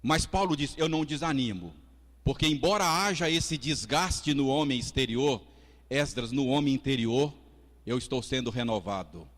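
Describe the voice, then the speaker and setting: Speaking at medium pitch and moderate pace, a Brazilian Portuguese-accented pastor gives a conversational Sunday school sermon, chatting with listeners between points. The delivery is lively, with asides to the audience and acted quotes, recorded in a church hall with long reverb.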